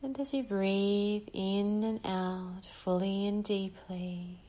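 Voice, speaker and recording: A woman leading a guided breathing meditation, speaking in a slow, soothing way with long pauses between phrases. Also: mid-range voice, fairly even intonation, dark tone.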